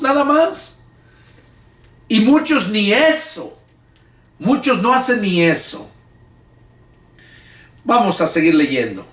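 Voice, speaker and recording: A man's voice: high voice, a bit bright, reverberant, far from the mic. A male pastor leading a Bible study, reading scripture aloud and then explaining it in casual, everyday words with frequent restarts. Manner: casual, colloquial speech with repeated restarts.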